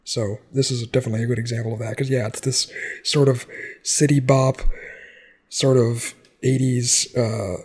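A man co-hosting a relaxed podcast conversation. He explains things in quick, chatty bursts, sprinkled with fillers. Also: mid-range voice, husky. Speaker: podcast co-host. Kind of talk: casual chat.

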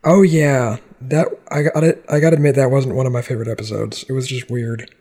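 A man co-hosting a relaxed podcast conversation. He explains things in quick, chatty bursts, sprinkled with fillers. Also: medium pitch, breathy edge. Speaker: podcast co-host. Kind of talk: casual chat.

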